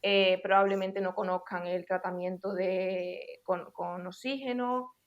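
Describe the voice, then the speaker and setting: A young adult woman co-hosting a casual podcast, explaining points in a clear, organized way. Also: mid-range voice, steady tone, unhurried, highs cut off. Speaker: podcast co-host.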